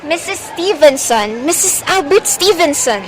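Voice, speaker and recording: A woman's voice: high voice, lively intonation, a little slow, a little hiss or hum. A young woman acting an anxious, demanding, self-pitying invalid wife in an amateur radio play, fretful and insistent. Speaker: student actor in a school radio play.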